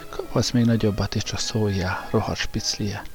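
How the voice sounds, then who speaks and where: Man doing a brutal guard, coarse, mocking, low-pitched, audiobook reading. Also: fairly even intonation, over music, natural voice. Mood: brutal taunts. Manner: coarse, taunting.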